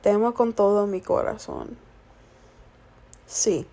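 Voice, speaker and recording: This ASMR performer, a woman in her twenties raised bilingual in English and Spanish, whispers a fiancée role-play. She rambles in a sleepy, casual way full of fillers. Her mid-range voice has a measured pace and a somewhat dark tone.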